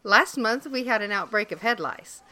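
A woman's voice: mid-range voice, lively intonation, normal speed, pushed and bright, no echo. A woman playing a cheerful, unflappable school receptionist who talks in a chirpy, friendly way.

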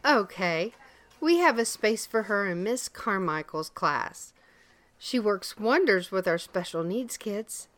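A woman's voice: mid-range voice, expressive, slow, fairly bright tone. A woman playing a cheerful, unflappable school receptionist who talks in a chirpy, friendly way.

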